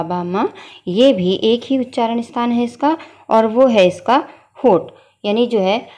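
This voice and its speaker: A woman's voice: medium pitch, darkish tone. Patient woman teaching Hindi grammar. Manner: patient, drills syllables slowly and asks children to repeat. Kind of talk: online grammar lesson.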